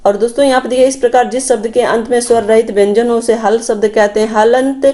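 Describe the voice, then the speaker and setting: A woman's voice: a little high, fairly even intonation, fast, dark tone. Woman teaching a grammar lesson. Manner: explanatory, addresses viewers as friends, points at slides. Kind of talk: exam-prep Hindi grammar lecture.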